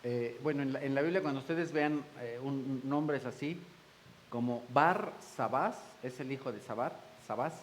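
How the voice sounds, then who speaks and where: A man's voice: mid-range voice, moderate pace, slight background noise, rough recording. A man preaching a sermon in church, folksy, joking with the congregation and acting out the voices he quotes. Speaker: pastor.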